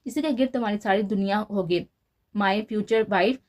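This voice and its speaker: A woman's voice: mid-range voice, moderate pace, darkish tone, lightly acted. Woman voicing a scheming young man in love. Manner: scheming, possessive.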